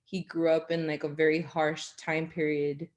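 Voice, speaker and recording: Low-voiced woman answering frankly. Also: flat delivery, normal speed. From United States, Cuban parents. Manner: frank, thinks aloud with many ums. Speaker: guest answering a question. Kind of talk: impromptu speech on a video call.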